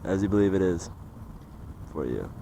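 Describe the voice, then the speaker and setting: A young man with a lowish, mellow voice rambles through a casual monologue, trailing off and padding his talk with "like" and "you know". He sounds recorded outdoors, with faint traffic noise behind him. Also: sing-song, moderate pace, creaky, rough recording. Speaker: vlogger.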